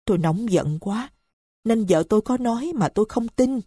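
A woman's voice: fairly high pitch, lively intonation, moderate pace, mellow, slightly rough, no room sound, studio quality, voice pushed up. A woman voicing a rash young husband full of grief and remorse, pleading and tearful. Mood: remorseful.

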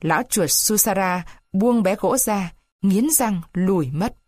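A woman reading a children's storybook aloud, expressive with varied pacing. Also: medium pitch, unhurried, dry recording, studio quality.

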